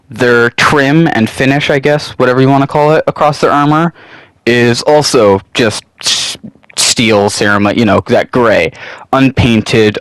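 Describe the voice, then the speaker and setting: Sniffling slightly from a cold, a young channel host talks casually about a hobby from a loose script, wandering off track and cursing occasionally. He has a mid-range, fairly bright voice, recorded dry and in low quality.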